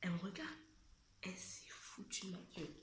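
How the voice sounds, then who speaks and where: Woman, casual slangy storytelling, breathy near-whisper, roomy echo. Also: on the low side, animated, brisk. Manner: chatty, slangy, half-whispered delivery. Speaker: vlogger telling a childhood story.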